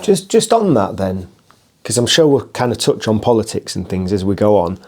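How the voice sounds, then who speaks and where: A man's voice: fairly low pitch, sing-song, normal speed, a little mellow. A man hosting a podcast, asking easygoing, roundabout questions in casual conversation. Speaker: podcast host.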